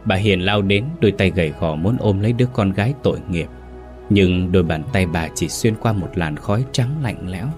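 Deep-voiced man narrating a ghost story. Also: a little mellow. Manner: dramatic, measured storytelling. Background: faint music.

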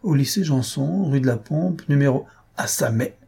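Brief: male narrator doing a smart, unflappable young student, soft and polite, warm husky tone. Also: mid-range voice, normal speed, voice pushed up. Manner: soft-spoken, infinitely polite. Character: polite, clever teenage schoolboy posing as reporter. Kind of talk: audiobook character reading.

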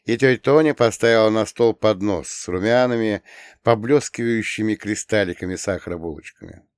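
A man narrates a novel in a low, steady voice. The recording is dry and close, with no room sound. He reads in an even, measured way. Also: smooth, no room sound. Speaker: audiobook narrator. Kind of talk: scripted narration.

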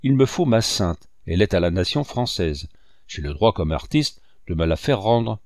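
An old male painter, sorrowful and indignant, pleading with wounded passion in a low, gravelly voice, as a man reads him in a storybook. The delivery is dry and close. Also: lively intonation, moderate pace, a little mellow, no echo.

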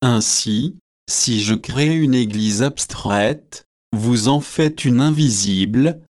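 A man's voice: medium pitch, darkish tone, no room sound, studio quality, lightly acted. A man voicing a witty young student who teases and argues, in an audiobook reading. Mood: arguing. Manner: teasing, quick to argue.

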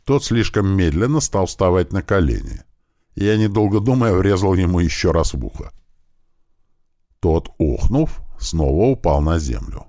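A man's voice: sits low, sing-song, measured pace, mellow, no echo, clean studio sound. A man narrating a first-person audiobook in a dramatic, emphatic reading style.

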